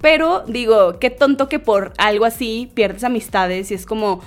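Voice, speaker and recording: A young woman in her twenties with a Mexican accent, hosting a vlog in a casual, slangy, animated storytelling style. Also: fairly high pitch, moderate pace. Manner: animated, slangy, acts out quotes in other voices. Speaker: vlogger host. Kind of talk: casual storytelling and chatty entertainment news.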